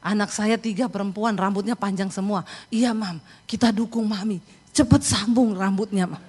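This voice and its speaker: A middle-aged woman pastor, preaching a sermon through animated storytelling and acting out quoted voices. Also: mid-range voice.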